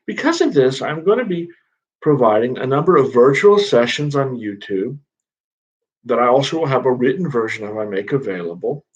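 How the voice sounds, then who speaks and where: A man working as a spiritual counselor, giving calm, measured guided meditation instructions in a gently inviting way. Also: mid-range voice, rough recording.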